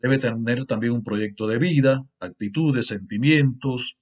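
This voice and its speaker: At a formal conference, a middle-aged Cuban man who lectures at a university speaks with a Cuban Spanish accent in a medium-pitched, darkish voice. He's earnest and measured, pausing and using fillers.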